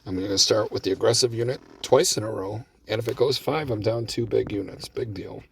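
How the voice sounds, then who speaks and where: A man's voice: fairly low pitch, a little fast, gravelly, distant mic, a little hiss or hum. A man talking casually from inside his parked car, cussing often and calling his viewers bro while commenting on his play. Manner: laid-back, swears often, calls viewers bro. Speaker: gambling strategy vlogger.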